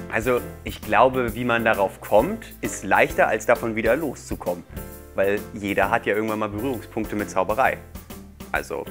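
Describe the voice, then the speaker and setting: In a small, furnished indoor TV studio set, a man in his thirties with a lowish, slightly bright voice shows magic tricks to children. He's a guest magician, keeping his demonstration patter casual and playful.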